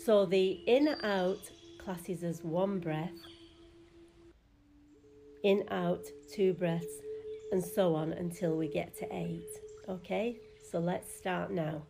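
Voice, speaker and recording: A woman instructing a guided breathing exercise in a soft, calm, soothing manner, leaving gaps between phrases. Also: lowish voice, slow pace, creaky, music in the background.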